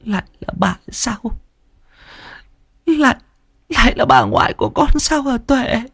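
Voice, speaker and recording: A man's voice: extremely high pitch, huge pitch swings, moderate pace, fairly bright tone, slightly rough, dry recording, clean studio sound, pitched above the performer's own voice, full character voice. A man voicing a grief-stricken, middle-aged mother in an audiobook, speaking in a bitter, pleading, reproachful way. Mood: stunned. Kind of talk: audiobook character voice.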